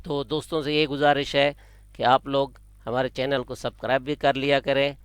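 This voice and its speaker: A man's voice: mid-range voice, little pitch movement, clear, resonant tone, no echo. A man teaching an online Arabic lesson in Urdu, patiently saying each word twice so learners can follow along.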